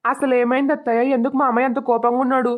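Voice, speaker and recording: A woman's voice: high voice, flat delivery, very fast, close to an everyday voice. A woman voicing a nervous secretive young husband. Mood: anxious. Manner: anxious muttering to himself. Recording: dull lo-fi recording.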